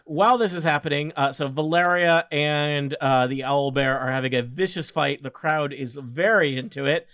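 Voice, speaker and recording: A man's voice: a little high, fairly even intonation, normal speed, few pauses, a bit bright, smooth, no room sound. Man game-mastering in a dry, close recording. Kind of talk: improvised tabletop game narration.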